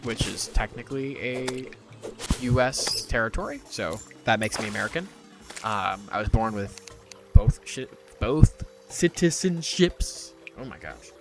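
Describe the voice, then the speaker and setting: With game music in the background, a young adult man from Puerto Rico chats loosely on his gaming stream, rambling and easily sidetracked as he reads chat out loud. He speaks at medium pitch and a measured pace.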